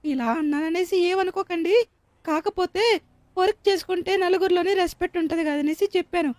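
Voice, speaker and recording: Telugu woman, super high voice, lively and emphatic, dry close mic. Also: a little fast, no room sound. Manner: lively, emphatic, talking to herself. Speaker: narrator and heroine of a game dub. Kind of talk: dubbed game-video role-play.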